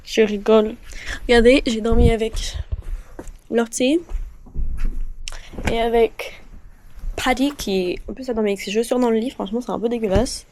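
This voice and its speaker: Bubbly 20-something woman talking to her phone cam, kinda high voice, bit of hiss behind. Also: dark tone. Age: 20s. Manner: chatty, bubbly, rambling. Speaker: vlogger. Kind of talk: casual vlog chat.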